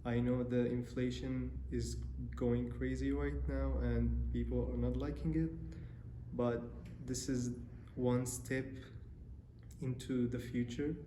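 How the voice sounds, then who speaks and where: A young man from Syria, a student, answering interview questions in a relaxed, hesitant way with many pauses and fillers. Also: medium pitch, slight background noise. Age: young adult. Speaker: interview guest, university student. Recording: roomy echo, faint ambience.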